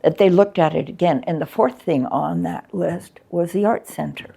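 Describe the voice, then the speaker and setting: An older woman from Canada talks frankly in an interview about her time as an arts coordinator, chatty and full of ums as she reflects. She speaks at a moderate pace in a lowish, dark, husky voice with vocal fry.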